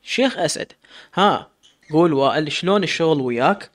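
Brief: stern sheikh, thirties, fast commanding delivery, read by the narrator. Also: male voice, on the high side, lively intonation, no room sound, natural voice.

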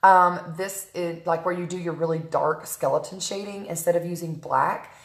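A woman giving a casual live makeup tutorial from home, talking viewers through each step, greeting them by name and filling pauses with "um". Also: lowish voice, steady tone. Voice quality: chatty, frequent "um" fillers, greets viewers by name mid-sentence. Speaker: makeup artist livestreaming a tutorial. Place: at home in a room, early morning. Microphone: tablet camera on a stand. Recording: roomy echo.

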